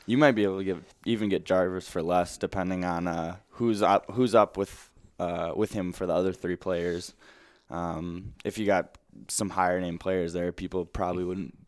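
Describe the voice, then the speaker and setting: A man co-hosting a casual fantasy football chat, agreeable and quick to chime in. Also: low-pitched, fairly even intonation, no room sound. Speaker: podcast co-host.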